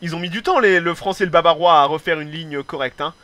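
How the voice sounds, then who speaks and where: An excitable man commentating a game replay at a rapid clip. His voice sits high and bright, and he swears casually as he goes. He stumbles and restarts his phrases often. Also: no echo. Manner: excitable, swears casually, peppers speech with "hein"; hesitant restarts and repeated words.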